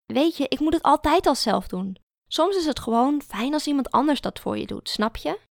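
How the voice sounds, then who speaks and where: A woman voicing a blunt, bossy young female art student who talks in a direct, teasing way, in a gravelly voice. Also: high-pitched, expressive, normal speed, dry recording, clean studio sound, pitched above the performer's own voice.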